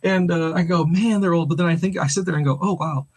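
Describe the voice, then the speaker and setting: A St. Louis man in his forties co-hosts a casual podcast, spinning rambling stories, laughing a lot, and acting out what people said. He talks fast in a fairly high-pitched voice.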